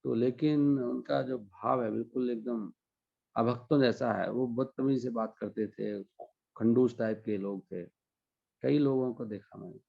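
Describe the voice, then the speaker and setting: A man giving a devotional discourse, explaining scripture line by line and chanting Sanskrit verses slowly. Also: medium pitch, fairly even intonation, gravelly, narrow, tinny audio. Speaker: spiritual teacher.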